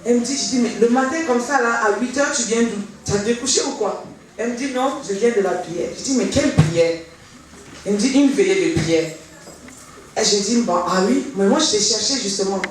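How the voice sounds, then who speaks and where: A woman's voice: medium pitch, lively intonation, brisk. A woman giving a personal church testimony, telling her story with animation and acting out the dialogue she remembers. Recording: very echoey hall, voice from far off, faint noise.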